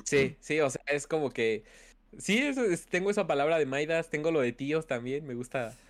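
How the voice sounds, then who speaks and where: A man's voice: fairly high pitch, lively intonation, moderate pace. A Mexican man with a slightly raised voice, talking in a loose, rambling way about his online habits. He keeps slipping into mock quotes of people and laughs easily as he goes. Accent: Mexican Spanish. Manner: rambling, laughing, quoting commenters. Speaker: content creator. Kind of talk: casual chat.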